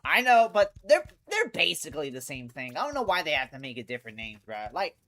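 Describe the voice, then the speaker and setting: A little fast and a bit bright, the congested host's mid-range voice swoops wildly in pitch during casual gaming livestream chat. Music sits behind him as he talks in slangy, sweary bursts, often repeating and restarting phrases.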